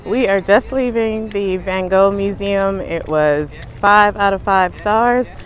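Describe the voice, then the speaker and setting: A woman's voice: mid-range voice, slow, faint music behind. A woman vlogging while travelling, chatting casually to a handheld camera as she walks through busy public places. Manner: chatty, upbeat commentary while walking. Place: outdoors and in public transport, on the move.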